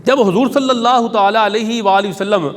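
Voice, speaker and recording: A man's voice: sits high, fairly even intonation, long reverb tail, a little hiss or hum. A man preaching a Friday sermon, telling a sacred story reverently and reciting Arabic hadith.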